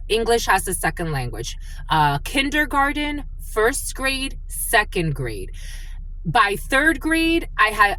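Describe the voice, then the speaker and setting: A native Spanish speaker with Dominican roots leads her spiritual channel, starting with a prayer before a chatty, rambling tarot reading full of fillers. Her medium-pitched voice is bright and forceful, over poor audio with slight background noise.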